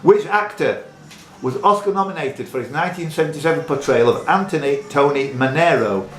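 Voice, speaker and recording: In an echoey pub room with music playing behind him, a man hosts a live quiz, reading out questions and teasing the contestants. His voice is a little high, expressive, and brisk, and the recording has a roomy echo.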